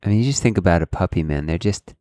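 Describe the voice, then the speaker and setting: A man's voice: low voice, lively intonation, warm tone, dry recording, clean studio sound. A man co-hosting a podcast, chatting casually and agreeing often. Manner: agreeable, quick affirmations. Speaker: podcast co-host.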